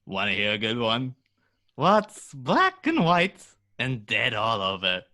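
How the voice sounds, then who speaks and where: A gleeful, menacing male crime boss from a comic-book script. His pitch swings wildly and the tone is bright and sharp. He taunts theatrically and takes his time over the words. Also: huge pitch swings, slow, full character voice. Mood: gleeful taunting. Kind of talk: script table read.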